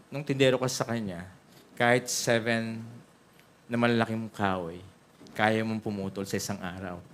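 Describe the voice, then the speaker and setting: A man with a Filipino accent preaching a sermon as pastor, mixing Tagalog and English and often checking in with "okay?". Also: medium pitch. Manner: frequent "okay?" check-ins to the congregation; switches between Tagalog and English.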